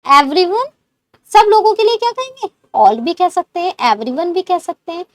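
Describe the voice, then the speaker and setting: Slow, lively-pitched woman teaching English. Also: no echo, clean studio sound. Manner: slow, drawn-out model sentences for repeating; mixes Hindi explanations with English phrases. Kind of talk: spoken English lesson.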